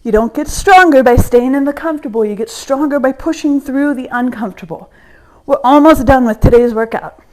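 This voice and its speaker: A woman's voice: high-pitched, a little fast, a little mellow. A young woman leading a home workout, giving encouraging cues while exercising along, getting out of breath at times. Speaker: fitness instructor.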